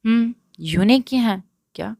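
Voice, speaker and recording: Woman reading as a brisk young businessman. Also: fairly high pitch, lively intonation, vocal fry, warm tone, no room sound, studio quality, voice pushed up. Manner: short firm questions.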